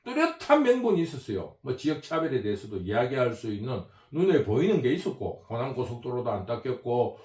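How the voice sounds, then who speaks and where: A man's voice: mid-range voice, sing-song, brisk, few pauses, a little mellow, echoey room. A man delivering a rambling, repetitive political monologue with heavy emphasis. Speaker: political commentator.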